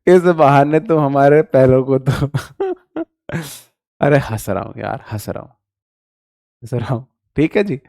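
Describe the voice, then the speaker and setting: A man's voice: mid-range voice, moderate pace, gravelly, dark tone, no room sound, studio quality. A man teaching vocabulary in a live online lesson, chatty and joking, calling his viewers brother.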